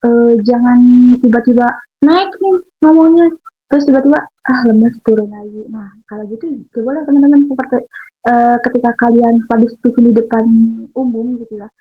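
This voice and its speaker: Young woman student chatting through speaking tips, kinda high voice, lots of umms, tinny phone-ish sound. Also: husky. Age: young adult. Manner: chatty, with frequent fillers and restarts. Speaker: university student sharing public speaking tips. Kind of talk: casual instructional talk.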